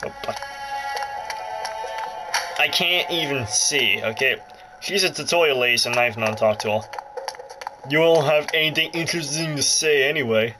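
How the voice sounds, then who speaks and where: On a low-quality recording, a gaming video host's voice sits on the high side, moving at normal speed with frequent pauses. The man rambles through casual, jokey let's play commentary and keeps interrupting himself. He's indoors a foot or so from the handheld console, its speaker playing game music.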